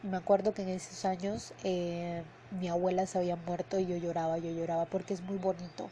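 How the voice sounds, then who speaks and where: A woman hosts a podcast in a casual monologue, earnest and heartfelt, often ending her sentences with a questioning "no?". Her voice is mellow and warm, with a faint hiss of noise behind it. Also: on the low side, flat delivery, a little fast, rough recording. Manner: earnest, heartfelt, repeats words for emphasis. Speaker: podcast host and emotional coach. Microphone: headphones and podcast mic.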